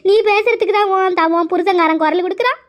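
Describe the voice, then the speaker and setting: A woman's voice: very high voice, fast talker, voice pushed up. A woman voicing a weeping, aggrieved sister-in-law who scolds through tears in a cartoon. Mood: tearful wailing. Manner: wailing, tearful scolding. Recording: dull lo-fi recording.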